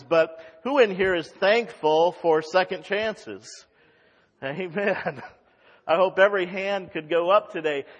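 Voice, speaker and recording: A man's voice: sits high, highs cut off. A male pastor preaching an expository sermon at a pulpit microphone, reading scripture aloud and explaining it. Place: church sanctuary. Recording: long reverb of a large church hall.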